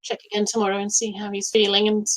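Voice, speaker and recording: A woman playing a tabletop game, speaking gently and thinking out loud as she acts out her character. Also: medium pitch, completely flat delivery, fast talker, poor audio. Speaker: player. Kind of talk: tabletop role-play.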